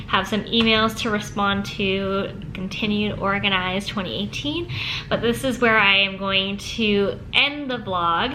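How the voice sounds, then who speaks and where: With background noise around her, a young woman with a mid-range voice chats through a casual daily vlog, first at home and later at a restaurant. She rambles and leans on "like," her voice worn and her nose stuffy as it gives out.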